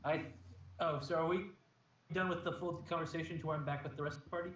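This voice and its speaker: A man playing a tabletop game, excitable and jokey, thinking out loud as he rambles. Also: fairly high pitch, fast, a little hiss or hum. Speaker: player. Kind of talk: casual tabletop game chat. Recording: echoey room, far from mic.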